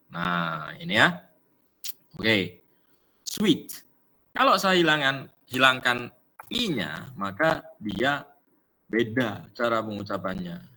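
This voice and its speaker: This online English lesson is led by a man with an Indonesian accent whose mid-range voice has a sharp tone. His explanations are full of fillers and sprinkled with English words.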